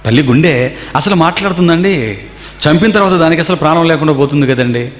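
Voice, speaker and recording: A man's voice: a little high, expressive, fast talker. A man preaching a sermon to a gathering. He tells stories and keeps firing rhetorical questions at his listeners. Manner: storytelling with rhetorical questions to the audience. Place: seminar hall. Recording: echoey hall with long reverb.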